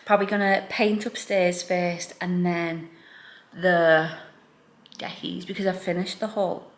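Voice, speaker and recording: A woman's voice: fairly low pitch, flat delivery, measured pace. Chatty woman, echoey room. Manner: informal, self-deprecating, thinking aloud. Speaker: home renovation vlogger. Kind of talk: casual chatty room-tour vlog. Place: indoors in a living room. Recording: echoey room, background noise.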